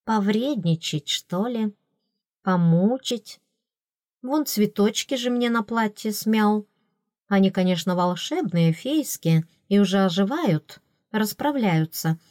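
A woman reading a novel in first person, telling the story in a lively, playful way. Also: medium pitch, takes it slowly, dry recording, clean studio sound. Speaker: audiobook narrator. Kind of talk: first-person audiobook narration.

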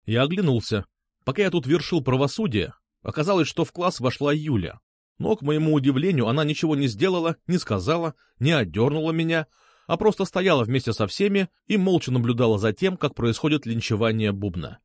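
A man narrating a first-person story in a wry, lively way. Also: fairly high pitch, fairly quick, no room sound, studio quality. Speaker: audiobook narrator.

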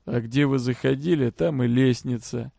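A man voicing a gruff adult male prisoner who talks in a blunt, offhand way. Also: mid-range voice, normal speed, warm tone, no echo, clean studio sound.

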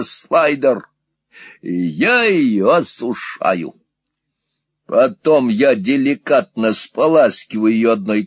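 A man voicing a coarse male schoolmaster who shouts slowly and loudly at a deaf old woman. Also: medium pitch, no room sound, pitched above the performer's own voice. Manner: loud, slow and overemphatic.

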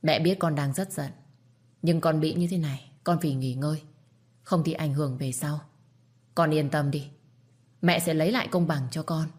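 A woman's voice: sits low, normal speed, long pauses, a little mellow, lightly acted. A woman voicing a stern older matriarch of a rich household, barking orders at the servants in an audio story. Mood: soothing.

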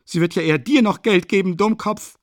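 A male audiobook reader voicing a frantic, hysterical impoverished woman who screams accusations in a high, strained falsetto. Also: level tone, moderate pace, warm tone, dry recording, clean studio sound, close to an everyday voice. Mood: hysterical fury.

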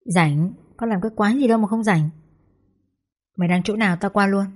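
A woman's voice: mid-range voice, brisk, natural voice. A woman voicing a brash, blunt young mother. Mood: eager. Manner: loud, blunt, swears casually. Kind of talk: audiobook character dialogue.

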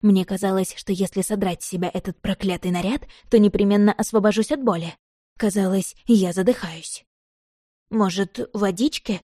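A woman narrating a novel in a calm, measured reading. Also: medium pitch, no room sound, studio quality. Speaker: audiobook narrator. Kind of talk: scripted narration.

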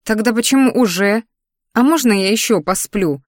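A woman's voice: medium pitch, brisk, no echo, clean studio sound, close to an everyday voice. A woman voicing a young, stubborn heroine in a fantasy audiobook, wry and grumbling.

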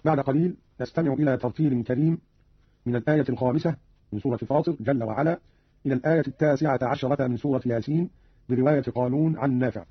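Man, radio presenter, formal explanation of recitation variants, fast-talking, husky, dry dull lo-fi archival radio sound. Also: medium pitch, no echo. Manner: brisk, measured, quotes verses in a chanting lilt.

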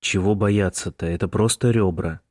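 A man's voice: low voice, darkish tone, dry recording, studio quality, lightly acted. A male narrator voicing a tired, irritated young man who answers his mother curtly in an audiobook. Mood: weary. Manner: weary, curt and slow.

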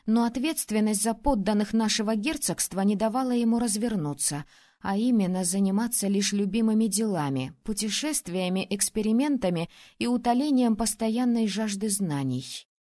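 A woman narrating a first-person audiobook, expressive, acting out the heroine's outbursts. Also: mid-range voice, normal speed. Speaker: audiobook reader.

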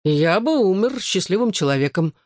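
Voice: medium pitch, big pitch swings, moderate pace, no echo, close to an everyday voice. A reader voicing a cocky teenage boy in an audiobook, with a dry, sarcastic delivery. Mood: deadpan. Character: teen boy, cocky, deadpan, joking. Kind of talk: audiobook character voice.

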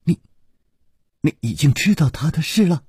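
Man doing sorrowful young woman, soft, faltering, breathy, dry close sound. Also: fairly high pitch, expressive, unhurried, dry recording, voice pushed up, exaggerated voice. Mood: hesitant. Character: sorrowful masked young woman, ashamed and hesitant.

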